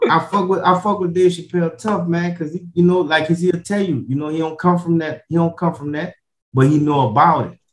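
A man's voice: a little high, fairly even intonation, a little fast, roomy sound. A man chatting casually in street slang, circling back over his words and often adding bro, man and you know. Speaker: comedian, podcast guest.

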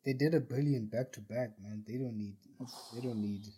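A man's voice: medium pitch, moderate pace, mellow, a little hiss or hum. A South African man co-hosting a podcast, talking casually in a laid-back way. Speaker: podcast co-host.

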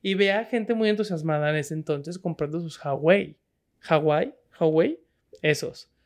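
Mexican woman co-host, slangy and jokey, explains news with laughs, slightly low voice. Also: measured pace, darkish tone. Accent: Mexican, Guadalajara area. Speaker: podcast co-host. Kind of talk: casual comedic news chat.

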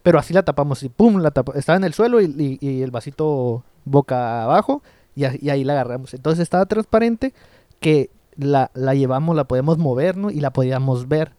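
A young man with a Mexican Spanish accent, telling a story in an animated, slangy way during a casual podcast chat. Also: mid-range voice, brisk, no echo, clean studio sound.

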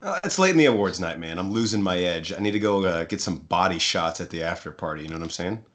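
A man's voice: low-pitched, animated, fast talker, fairly bright tone. A man co-hosting a podcast in casual, joking banter. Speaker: podcast co-host.

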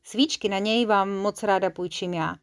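A woman voicing a kindly old female linden tree in a children's storybook, explaining things gently and patiently. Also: medium pitch, clear, resonant tone, close to an everyday voice. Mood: encouraging. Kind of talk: storybook character voice.

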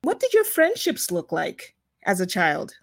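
A woman's voice: mid-range voice, huge pitch swings, a little slow, no echo, clean studio sound. A woman from Zimbabwe co-hosting a podcast, chatting casually and thoughtfully with some hesitant fillers. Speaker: podcast co-host.

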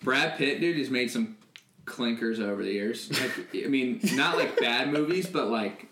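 A man's voice: medium pitch, a little slow, echoey room, noisy background. A man co-hosting a podcast, chatting casually and loosely, swearing freely and saying "like" a lot. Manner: laid-back, swears freely, lots of "like". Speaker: podcast co-host. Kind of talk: casual chat.

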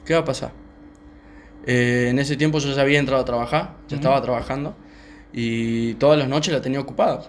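A young man with a Rioplatense Spanish accent, calmly telling a personal story on a podcast, with many fillers. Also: mid-range voice, slight background noise. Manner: calm, unhurried, many fillers. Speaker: podcast co-host. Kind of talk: casual storytelling chat.

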